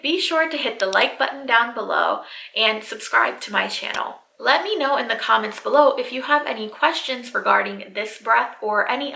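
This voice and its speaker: A woman's voice: medium pitch, gravelly, pushed and bright, reverberant, low-quality recording. A woman yoga instructor giving step-by-step guided breathing cues straight to the viewer. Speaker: yoga instructor, channel host.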